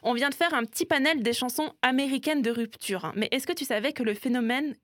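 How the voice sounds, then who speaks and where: A woman hosts a music segment, talking in a chatty, explaining tone with quick asides. Her voice sits a little high. The recording is close and dry, with no room sound. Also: fairly bright tone, no echo. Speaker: show host. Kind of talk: presenting a themed music segment.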